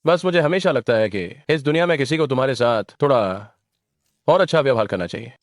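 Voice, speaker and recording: A man's voice: mid-range voice, lively intonation, fast, no echo, studio quality, lightly acted. A man playing a scornful rich young man. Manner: contemptuous, cutting. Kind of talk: dubbed drama dialogue. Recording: faint music behind.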